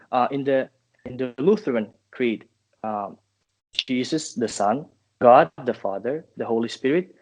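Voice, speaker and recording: A man in his twenties from Finland, a guest answering interview questions in a thoughtful, halting way with restarts. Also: medium pitch. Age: 20s.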